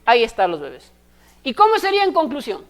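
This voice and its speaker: A woman's voice: on the high side, huge pitch swings, fast. Woman teaching, constantly checking in. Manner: explains step by step, constantly checking in with short questions. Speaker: math teacher. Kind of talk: recorded class lecture.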